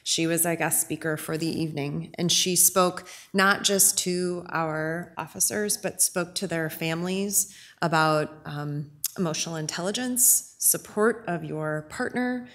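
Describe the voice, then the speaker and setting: Council member, woman in her forties, lowish voice, heartfelt and expressive. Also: measured pace. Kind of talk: council meeting remarks. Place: council chamber. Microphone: desk mic.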